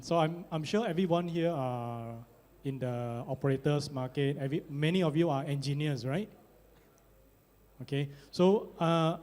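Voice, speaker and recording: Casting: male tech presenter with Singaporean accent, informal, tag-question habit, soft-edged tone, big echoing hall. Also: a little high. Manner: checks in with listeners using tag questions. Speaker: conference speaker, network engineer presenter. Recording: reverberant conference hall.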